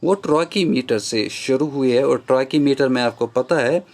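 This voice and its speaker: A man's voice: medium pitch, moderate pace, a little mellow. A male teacher with a Kashmiri accent, explaining a poem's rhyme and meter step by step, slipping into English phrases. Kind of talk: classroom lecture on a poem.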